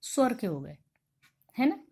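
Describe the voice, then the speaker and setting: A woman's voice: fairly high pitch, very animated, vocal fry, warm tone, slightly rough. A woman teacher giving a classroom grammar lesson, explaining step by step and asking questions that she then answers herself. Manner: drawn-out, carefully spoken examples. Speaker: school teacher.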